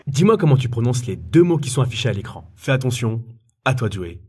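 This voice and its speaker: A young man presenting quick English pronunciation tips in a friendly, direct way, speaking straight to the learner. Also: mid-range voice, big pitch swings, warm tone, husky. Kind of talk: upbeat educational explainer addressing the viewer.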